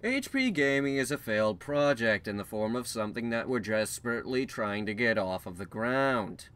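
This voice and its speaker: A man's voice: mid-range voice, very animated, normal speed, fairly bright tone, clear, resonant tone. A young man hosting a casual vlog update, rambling with frequent ums and restarts, candid and self-deprecating. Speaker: channel host giving a news update.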